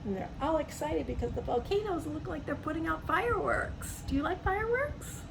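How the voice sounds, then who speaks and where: A high-voiced, expressive woman reads a picture book to young children at a slightly fast pace, sprinkling in chatty asides, simple explanations and questions to listeners. Background noise is clearly audible.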